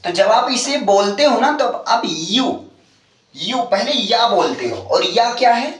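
A man's voice: high-pitched, lively intonation, a little slow. A man teaching an English grammar lesson to a class, asking the students questions and answering them himself. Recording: echoey room, far from mic, noisy.

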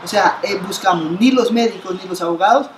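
Speaking at a medium pitch and a brisk clip over a noisy background, this woman in her fifties from Colombia recounts her story as an interviewee who founded an association. The setting is an indoor, sunlit living room by a window, recorded with roomy sound. She is earnest and gestures as she talks, with frequent restarts and repeated words.

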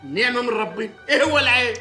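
A man playing a boastful, fussy Egyptian village mayor in a film comedy, with an Egyptian accent and a rapid, excitable way of complaining. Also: very high voice, faint music behind. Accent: Egyptian Arabic.

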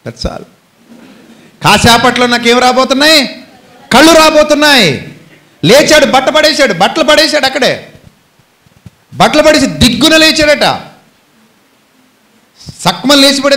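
A man preaching a sermon with a Telugu accent, telling a Bible story dramatically and switching between loud cries and low speech. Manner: dramatic storytelling, shouts out the beggar's cries, then drops low. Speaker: pastor.

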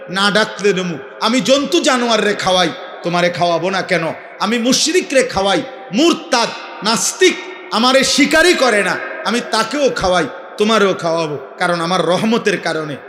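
A man from Bangladesh preaching a fiery sermon, declaiming and often shouting at a large gathering. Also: high-pitched. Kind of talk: Bengali waz sermon. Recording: echoey hall with long reverb.

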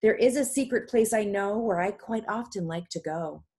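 A woman tutor reading a rhyming story poem aloud to children over a video call, with lively delivery and quick asides. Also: mid-range voice, background noise.

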